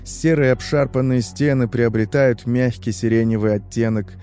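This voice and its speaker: A man reads a first-person horror story in a tense, measured voice. His tone is dark and mellow at a middle pitch. Faint music plays softly behind him. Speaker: narrator.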